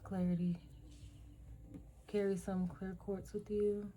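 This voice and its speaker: A woman giving a spiritual energy reading as host, speaking haltingly and listing words one at a time with pauses and fillers. She is losing her voice and keeps clearing her throat. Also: medium pitch, flat delivery, dark tone, a little hiss or hum. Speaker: energy reader.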